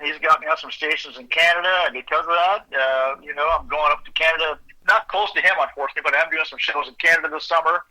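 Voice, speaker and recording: A man's voice: on the high side, fast talker, few pauses, bright, forceful tone, rough recording. A middle-aged man, a songwriter, chatting earnestly and humbly as a guest in an interview. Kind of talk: casual interview chat.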